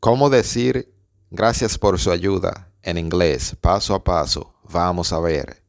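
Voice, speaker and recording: A man's voice: deep voice, slow pace, creaky, a little hiss or hum. A man giving a patient step-by-step pronunciation lesson, saying each word twice. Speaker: English teacher.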